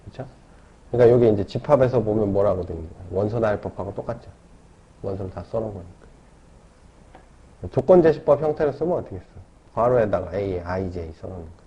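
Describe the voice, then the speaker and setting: A man with a fairly low, dark-toned voice gives a math lecture in class, working through the material step by step and often checking in with tag questions. The recording is dull and lo-fi.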